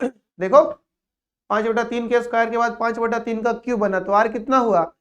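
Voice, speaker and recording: A man's voice: very high-pitched, flat delivery, normal speed, lo-fi sound. A man teaching math in a lecture, joking with his students between steps of working. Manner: playful, teasing asides between calculations. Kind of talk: classroom lecture.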